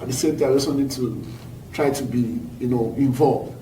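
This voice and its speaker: A man's voice: mid-range voice, steady tone, a little fast, warm tone. African-accented man hosting, in an echoey room. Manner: repeats phrases, checks listeners understand. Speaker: host. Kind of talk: conversational panel discussion. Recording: echoey, distant mic, faint noise.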